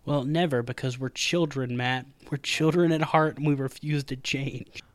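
A man co-hosting a podcast, joking around in an animated, casual way. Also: mid-range voice, normal speed. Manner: jokey and animated. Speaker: podcast co-host. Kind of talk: casual chat.

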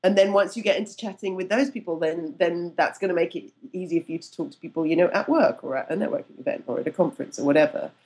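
A woman's voice: lowish voice, quick pace, hardly any pauses, darkish tone. A woman speaking as a podcast guest and coach, chatting casually, laughing easily and acting out remembered quotes with changed voices. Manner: laughs easily, self-deprecating. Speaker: guest, networking mentor and storytelling coach.

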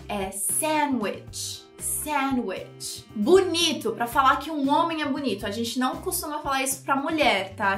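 High-voiced woman teaching pronunciation. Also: a bit bright, recorded from a distance. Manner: clear, slow modeling of English words for repetition. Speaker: English teacher. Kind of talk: YouTube pronunciation lesson. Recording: roomy, off-mic with light music.

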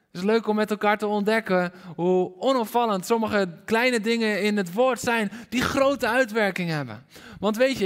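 A man preaching a sermon to a congregation in a hall, animated and questioning his listeners directly. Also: high-pitched. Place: church hall with congregation and livestream. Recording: reverberant hall.

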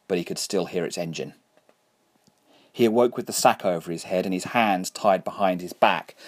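A man narrating a story in a measured, wry way. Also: sits low, darkish tone. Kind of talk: audiobook narration.

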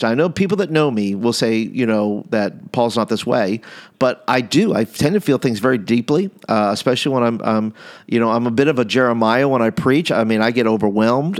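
Chatty rambling man, pastor type. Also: medium pitch. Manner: rambling, self-correcting, chatty. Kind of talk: casual chat.

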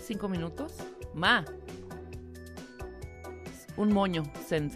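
A Mexican woman co-hosting a radio chat, telling stories in an animated way and laughing often. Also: medium pitch, takes it slowly, over music. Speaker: radio co-host.

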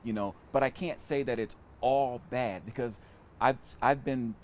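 A man's voice: mid-range voice, a little slow, darkish tone, a little hiss or hum. A man in his fifties chatting casually as an interview guest, recorded outdoors in a backyard. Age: 50s. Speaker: interview guest, news director.

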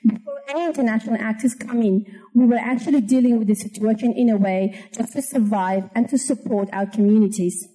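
A woman from Afghanistan giving an earnest, measured presentation as a panel speaker at a conference. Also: on the high side, dark tone, rough recording. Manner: earnest, measured address to an audience.

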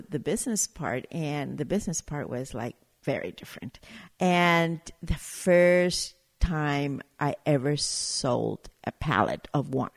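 A woman from Chile, a winery owner chatting as an interview guest, telling stories and searching for words as she goes. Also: deep voice. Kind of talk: casual interview chat.

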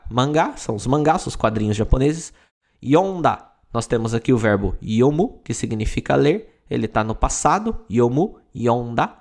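Brazilian man teaching, with a gravelly edge. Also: mid-range voice. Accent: Brazilian Portuguese. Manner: patient, step-by-step explaining. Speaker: Japanese teacher. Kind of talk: explaining a language lesson.

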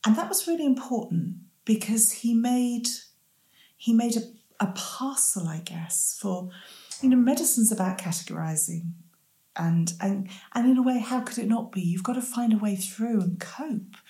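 A woman with a mellow voice gives reflective, self-deprecating answers in an interview. Her Rs come out close to Ws. She talks thoughtfully, and the room adds noticeable echo. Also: on the high side, moderate pace. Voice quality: says w for r, cannot pronounce R clearly. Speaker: interview guest, medical ethicist.

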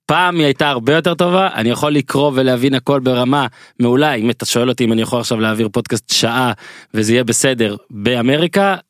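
A man with an Israeli accent hosting a casual sports interview, speaking in an informal, halting, self-deprecating way. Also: mid-range voice, no echo, studio quality. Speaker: podcast host.

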